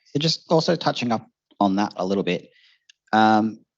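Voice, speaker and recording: A young man in his twenties answers on a discussion panel in a seminar hall before an audience, thinking aloud thoughtfully with many fillers and restarts. His voice is on the low side, with lively intonation, normal speed, and vocal fry. The event recording is muffled and lo-fi.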